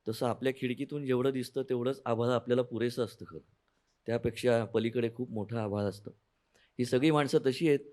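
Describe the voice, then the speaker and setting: Man, Marathi accent, poet, soft-spoken, half-sung recital, mid pitch.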